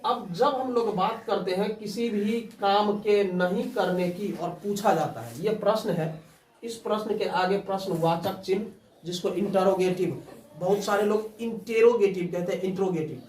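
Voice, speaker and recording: A man's voice: sits high, moderate pace, a little mellow, a little hiss or hum. Male classroom teacher running call-and-response drills, recorded distant in a roomy space. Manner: call-and-response drilling, prompting students to answer. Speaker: English teacher. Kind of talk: classroom lesson. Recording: roomy, from far off the mic.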